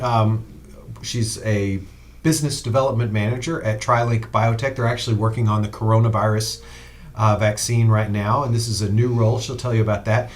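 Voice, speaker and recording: A man hosting a podcast interview, enthusiastic and full of fillers as he introduces his guest. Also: mid-range voice. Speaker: podcast host.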